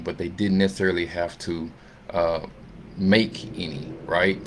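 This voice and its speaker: With noticeable background noise behind him, a low-voiced man presents an investment earnings summary. It's informal, unscripted financial commentary over slides, delivered haltingly and conversationally, often ending with tag questions that invite agreement.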